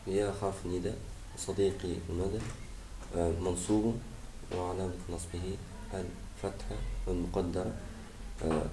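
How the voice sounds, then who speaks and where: A man answering in class as a student, reciting haltingly with pauses. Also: low-pitched, fairly even intonation, warm tone. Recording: echoey room with clear noise.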